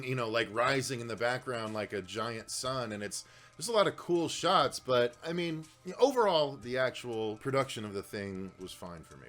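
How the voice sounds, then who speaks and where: A man co-hosts a laid-back movie review, his voice sitting at an ordinary middle pitch. He rambles, doubling back on his words and leaning on fillers as he talks things through. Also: fairly bright tone. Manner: rambling, many fillers and restarts. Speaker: co-host of a horror movie review show. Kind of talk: casual movie review chat.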